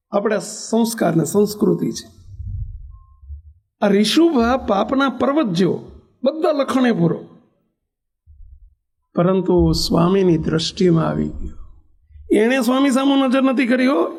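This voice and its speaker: A man's voice: sits high, vocal fry, darkish tone. A man, a monk, telling a devotional story in a sermon, emphatic and repeating key phrases, urging his listeners directly.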